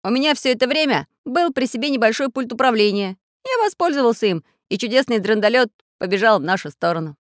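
A woman's voice: fairly high pitch, expressive, quick pace, few pauses, no echo, clean studio sound, voice pushed up, natural voice. A woman voicing a cheerful, resourceful little iron handyman in a storybook, speaking with confident ease. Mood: explaining.

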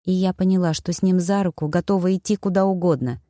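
A woman telling a fantasy story in the first person as an audiobook narrator, with lively, expressive delivery. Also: on the low side, quick pace, no echo, clean studio sound.

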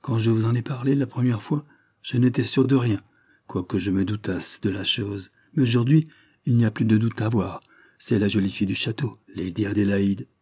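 An awkward, conciliatory butler who tries to smooth things over, read by a man. The voice is low, dark and husky, as in an audiobook reading. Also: fairly even intonation, moderate pace. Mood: placating. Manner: placating, embarrassed. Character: embarrassed conciliatory male butler.

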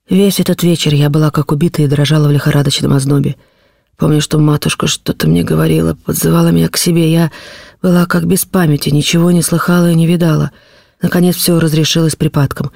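Woman audiobook narrator, classic novel, expressive reading, gravelly edge, dry studio sound. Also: low-pitched, no room sound. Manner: emotional, expressive first-person reading.

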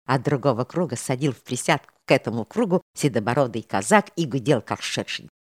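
A woman reading an audiobook of a historical novel in a measured, expressive storytelling manner. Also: a bass voice, husky, dry recording, studio quality. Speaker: reader.

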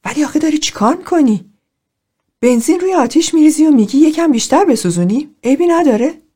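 An agitated man in a group session, as a woman reads him, with a high, loud and exasperated voice. He pushes his words out fast, in open disbelief. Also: animated.

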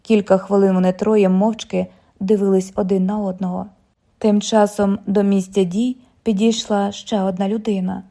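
A woman's voice: medium pitch, little pitch movement, normal speed, dark tone. A woman reading a novel aloud as an audiobook narrator, voicing the characters' lines with only slight changes to her voice.

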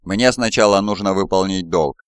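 A man's voice: low-pitched, normal speed, clear, resonant tone, no echo, clean studio sound, natural voice. A man voicing a stern, commanding armored male warrior-medic who barks curt orders in an audiobook. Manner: barked orders.

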